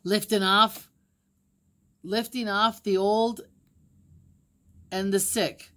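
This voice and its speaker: A woman reading aloud, voicing an eager old grandfather who booms his lines. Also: little pitch movement, extremely slow, sharp tone. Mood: excited. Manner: booming.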